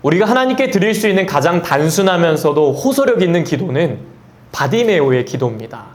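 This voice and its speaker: A male pastor delivers a sermon in a fairly high voice. He asks the congregation questions and reads scripture slowly. Between the readings he tells stories in an easy, conversational way. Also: sing-song. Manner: conversational storytelling asides.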